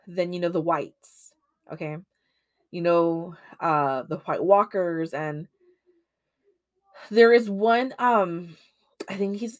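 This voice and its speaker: A woman's voice: fairly low pitch, dry recording, clean studio sound. A woman hosting a solo podcast in casual chat, rambling with many ums and restarts. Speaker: podcast host.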